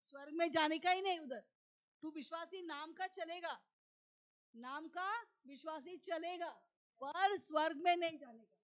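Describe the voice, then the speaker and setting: A sly male devil spirit murmurs coaxing, mocking temptations in a hushed voice, as a woman preacher puts him on. The voice stays high and light. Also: measured pace.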